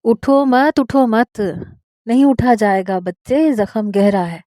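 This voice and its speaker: A woman voicing a patient, fatherly old man who serves as a mosque imam, speaking slowly and soothingly. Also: on the high side, dry recording, studio quality. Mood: tender. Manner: slow, soothing, gently persuasive.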